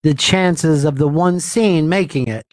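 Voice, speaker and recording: A man's voice: fairly high pitch, unhurried, darkish tone, no room sound. Teasing male radio host, dry studio sound. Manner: teasing, laughs often, reads listener comments. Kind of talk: casual studio banter.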